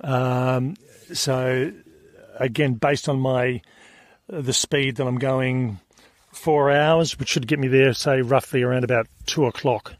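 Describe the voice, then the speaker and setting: A middle-aged man talks casually into a recorder while out on a hiking trail. His voice is mid-pitched and dry-sounding, and he rambles along with plenty of ums and restarts. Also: slow, dry recording. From Australia. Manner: relaxed, rambling, with many fillers and restarts. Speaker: podcast host. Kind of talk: on-trail audio diary. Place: outdoors on a rail trail.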